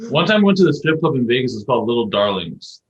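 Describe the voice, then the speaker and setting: A man's voice: mid-range voice, big pitch swings, quick pace, roomy sound, dull audio. A man co-hosting a podcast, telling a long story in casual chat, full of fillers and restarts. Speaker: podcast co-host.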